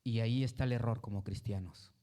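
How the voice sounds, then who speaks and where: A man preaching a sermon, pleading with his listeners and rising high when he voices their complaints. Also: steady tone, brisk, warm tone. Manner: pleading, rises high when voicing complaints, drops low on "hermano".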